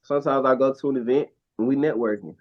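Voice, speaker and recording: A guest actor and model talks quickly in a mid-range voice during a casual interview. He offers earnest, emphatic advice and frequently restarts his sentences, and the lo-fi recording sounds dull.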